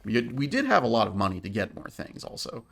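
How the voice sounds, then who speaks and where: A man's voice: on the low side, huge pitch swings, quick pace, gravelly, fairly bright tone. Joking man explaining game mechanics. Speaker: stream co-host. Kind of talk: casual gameplay chat.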